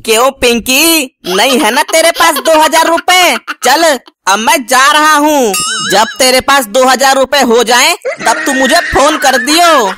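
A woman's voice: sits high, unhurried, over music. A woman voicing a selfish young boy in a cartoon, who talks in a teasing, boastful way. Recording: noisy recording.

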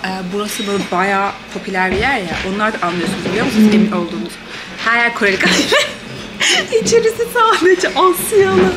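A young woman chatting playfully to a handheld camera for her travel vlog, laughing often and breaking into lively exclamations. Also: mid-range voice, rapid-fire, heavy background noise. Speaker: travel vlogger. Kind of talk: casual travel vlog chat.

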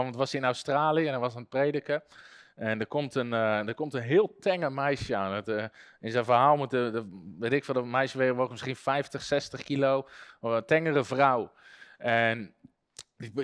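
A man teaching a Bible school class to a live audience, telling stories in an animated way and chuckling often. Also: mid-range voice, clear, resonant tone.

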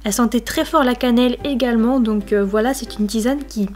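A woman's voice: on the high side, a little fast, darkish tone. A young French-speaking woman, chatty and enthusiastic, reviewing a subscription box in a casual vlog on a lapel mic. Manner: chatty, enthusiastic, reads product blurbs aloud. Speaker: equestrian vlogger. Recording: faint music behind the voice. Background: faint background music.

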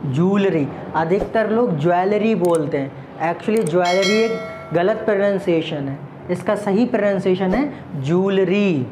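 An English pronunciation teacher from India giving a lesson in Hindi, quizzing the listener and then repeating each word slowly and deliberately. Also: mid-range voice, animated, noisy background.

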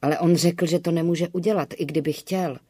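A woman's voice: on the low side, steady tone, mellow, husky, no echo, clean studio sound. A woman voicing a frightened young village bride who speaks in an anxious, pleading way.

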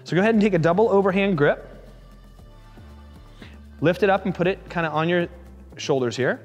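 A man coaching a fitness class, encouraging and joking as he calls out quick repeated cues. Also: high-pitched, muffled recording, faint music behind. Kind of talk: live coaching class instruction. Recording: echoey hall reverb.

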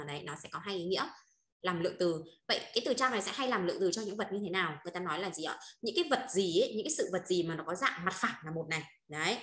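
A woman's voice: on the low side, pushed and bright, reverberant. A woman teaching Chinese vocabulary, repeating points and checking often with her students. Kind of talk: online vocabulary lesson.

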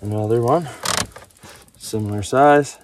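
A man's voice: medium pitch, a little slow, heavy background noise. A young man in his twenties talking casually and cheerfully to camera while fishing from a canoe on a lake, laughing often and exclaiming when fish bite. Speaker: angler vlogger. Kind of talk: casual outdoor vlog narration. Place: canoe on an open lake outdoors.

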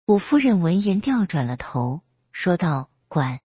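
Low, husky woman storyteller. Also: big pitch swings, measured pace, dry recording, muffled recording. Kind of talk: serialized fan fiction narration.

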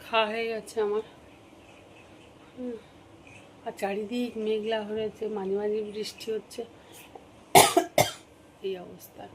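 A woman's voice: mid-range voice, fairly even intonation, a little slow, long pauses, background noise. A woman vlogging casually to her viewers while cooking at home, a little unwell with a cold. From Bengal. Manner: chatty, talks to viewers while cooking and walking. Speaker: family vlogger.

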